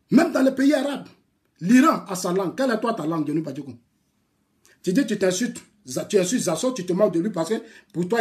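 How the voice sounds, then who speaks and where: In a heated video aimed at a rival, an Ivorian political activist whose mother tongue is Bété answers a critic in Ivorian-accented French. He lectures and scolds at length in a high-pitched voice, repeating his lines and bursting into laughter.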